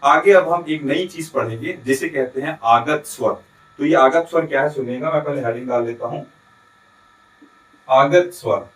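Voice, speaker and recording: A man's voice: fairly high pitch, normal speed, reverberant, poor audio. A man from Chhattisgarh teaching a lesson with a Chhattisgarhi Hindi accent. He explains step by step, asks questions and answers them himself, and keeps checking that his students follow. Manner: adds frequent checking tags. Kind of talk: recorded classroom lesson.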